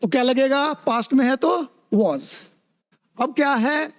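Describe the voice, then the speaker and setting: Speaking in a large hall, this very high-voiced man teaches spoken English through Hindi. He draws his words out and keeps checking whether his students follow.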